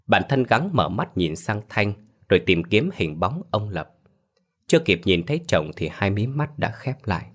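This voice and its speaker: Casual: guy with a really deep voice telling a creepy ghost story, slow and serious. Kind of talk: scripted ghost story narration.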